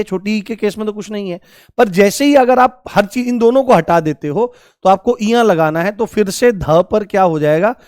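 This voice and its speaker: Teaching Hindi grammar live online, a man with a fairly high voice says each key term more than once and keeps prompting students for examples. The audio is close and dry, without room echo.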